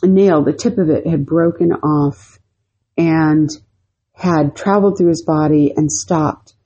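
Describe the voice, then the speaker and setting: A woman's voice: sits low, steady tone, slow, warm tone, breathy edge, dull audio. A woman co-hosting a podcast, telling stories in a rambling, casual way with many fillers. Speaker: podcast co-host. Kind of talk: casual storytelling chat.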